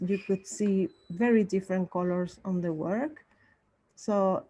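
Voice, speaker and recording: Woman artist from Chile, slow and halting, soft dark tone. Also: mid-range voice, low-quality recording. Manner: halting, many restarts. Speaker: artist guest. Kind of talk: online panel talk.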